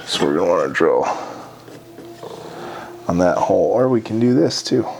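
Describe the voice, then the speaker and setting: A man giving a casual hands-on how-to, talking haltingly as he thinks aloud while working. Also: low-pitched, big pitch swings, a little mellow, slight background noise. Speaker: host of a hunting and craft how-to show. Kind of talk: casual hands-on tutorial narration.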